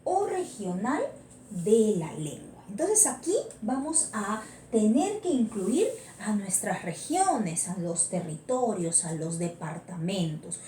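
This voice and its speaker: Peruvian woman teacher, Lima accent, lively pitch, mellow tone, roomy echo, keeps asking students questions. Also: a little hiss or hum. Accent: Lima Peruvian Spanish. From Peru. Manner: asks frequent check-in questions. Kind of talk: online class lecture.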